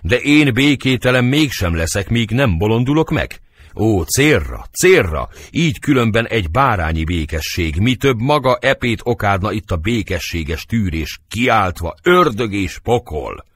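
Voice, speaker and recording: A man's voice: lowish voice, big pitch swings, husky. A man voicing a hot-tempered nobleman who curses and rages in bitter outbursts, in an audiobook reading of a play. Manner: fiery outbursts, bitter growling. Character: hot-tempered cursing adult male nobleman.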